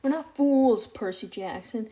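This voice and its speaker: A woman's voice: fairly high pitch, unhurried, warm tone, natural voice. A woman reading an audiobook, voicing a menacing woman teacher who hisses her threats. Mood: threatening. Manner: hissing, menacing.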